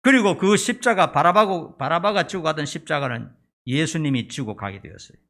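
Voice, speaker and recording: A man's voice: fairly high pitch, animated, brisk, gravelly, fairly bright tone. A middle-aged man preaching a sermon as pastor, retelling the story dramatically. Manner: dramatic storytelling, acting out scenes.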